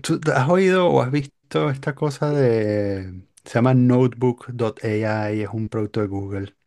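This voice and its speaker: A young man in casual chat, telling a story in an animated, exaggerated way. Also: mid-range voice, measured pace. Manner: animated, hyperbolic storytelling with mock voices.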